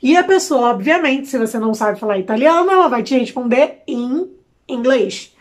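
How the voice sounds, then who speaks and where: Chatty young Brazilian woman, high voice. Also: moderate pace. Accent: Brazilian Portuguese. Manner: chatty and expressive, with slang asides. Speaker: vlogger. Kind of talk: casual chat to camera.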